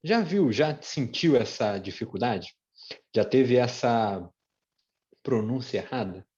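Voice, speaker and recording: A man with a Brazilian Portuguese accent teaching English pronunciation in an online lesson, repeating example words slowly with chatty asides. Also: medium pitch, animated, darkish tone, muffled recording. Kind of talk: online lesson with shared screen.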